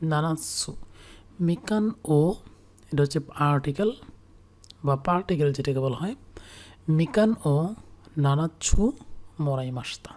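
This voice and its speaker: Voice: mid-range voice, darkish tone. A teacher giving a kanji writing lesson, repeating each reading several times while writing it out. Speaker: Japanese language teacher.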